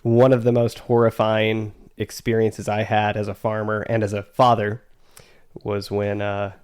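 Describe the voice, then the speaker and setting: Speaking at a measured pace, a middle-aged interview guest who teaches English literature as an adjunct professor tells stories and responds casually. His voice sits low, monotone yet slightly mellow and smooth.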